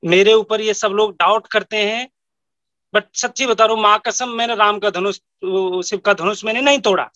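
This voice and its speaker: A man's voice: sits high, steady tone, normal speed, pushed and bright, dry recording. A man voicing a naive schoolboy who protests his innocence earnestly. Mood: protesting. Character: naive schoolboy, cheeky, easily tearful.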